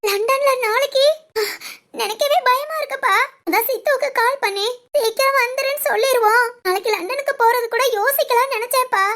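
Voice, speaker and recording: A woman playing an anxious, tearful young daughter in an amateur family drama, soft and pleading. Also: extremely high pitch, fairly quick. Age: young adult. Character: tearful young adult daughter, anxious about leaving home.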